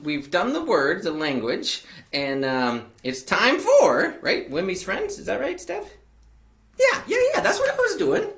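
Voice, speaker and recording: Hosting a children's library show, this young woman is bubbly and talkative, with frequent laughter and plenty of filler words. Her voice sits fairly low in pitch, with a fairly bright tone.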